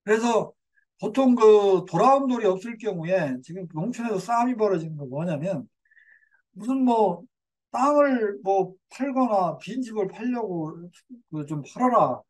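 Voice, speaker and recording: A man's voice: high voice, expressive, normal speed, darkish tone. An older man giving a community lecture in a digressive way, with fillers and self-corrections.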